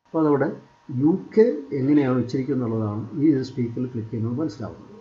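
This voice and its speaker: A man's voice: medium pitch, quick pace, highs cut off. A man teaching English in a screen-share tutorial, repeating himself while he points things out on screen. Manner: repetitive, pointing out items on screen.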